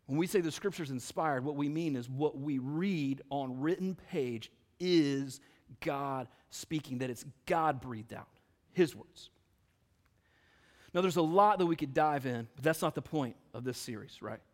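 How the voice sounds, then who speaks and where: Male pastor, sermon delivery, somewhat high voice, emphatic rhetorical questions, long hall reverb. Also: unhurried.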